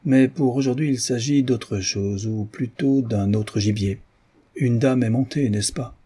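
Man doing a gruff boastful police inspector. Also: mid-range voice, a little slow, mellow. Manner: gruff, blunt. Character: brusque, boastful middle-aged police inspector.

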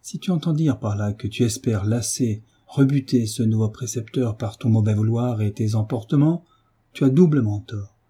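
A man's voice: fairly low pitch, moderate pace, slightly rough. A man voicing a tender, firm mother. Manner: gentle, pleading, then firm.

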